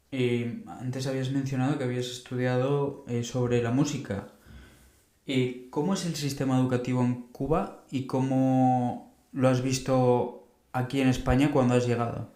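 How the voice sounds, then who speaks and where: A man hosting a podcast, asking questions with hesitant pauses and restarts. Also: medium pitch, flat delivery, dark tone. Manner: hesitant, searching for words while asking questions. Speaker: podcast host. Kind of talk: interviewing. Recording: roomy echo.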